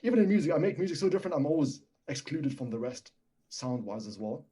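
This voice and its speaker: His voice is a little high and husky, fast, with big pitch swings. He's a young Palestinian rapper with a British accent who also grew up speaking Arabic, soft-spoken and a bit mumbly with swallowed words as he talks casually in a podcast interview. Faint background music can be heard.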